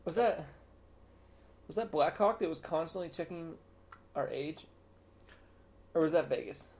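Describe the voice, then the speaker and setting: Man, higher voice, podcast co-host, casual chat, quick questions, teasing. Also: expressive, darkish tone.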